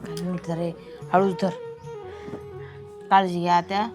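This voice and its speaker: A woman playing a daughter-in-law in a comedy sketch, gently coaxing an elder not to cry. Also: lowish voice, flat delivery, measured pace, over music. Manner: soothing and coaxing.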